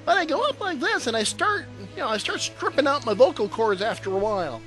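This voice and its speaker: A man's voice: very high-pitched, big pitch swings, a little fast, a bit bright, soft background music. A man hosting a live internet show in casual chat, rambling and joking between songs. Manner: jokey, rambling, breaks into laughs and impressions. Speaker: host.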